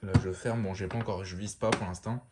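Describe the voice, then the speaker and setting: A man giving a casual show-and-tell of a lamp, talking in a relaxed, rambling way full of fillers and restarts. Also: lowish voice, fairly quick, very noisy. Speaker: lamp collector showing a fixture.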